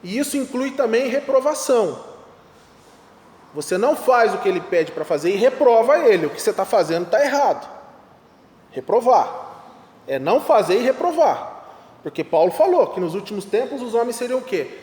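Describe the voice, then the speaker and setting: High-voiced Brazilian man teaching in an echoey hall. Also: sing-song, moderate pace, a little mellow. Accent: Brazilian Portuguese. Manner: emphatic, asks rhetorical questions and repeats key points. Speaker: Bible school teacher. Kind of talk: Sunday school Bible lesson. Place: church classroom or hall. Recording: echoey hall with long reverb.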